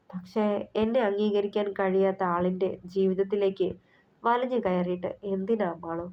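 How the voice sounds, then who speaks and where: A woman voicing a heartbroken young woman who speaks softly and with sorrowful resignation. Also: mid-range voice, lightly acted. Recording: slightly muffled recording.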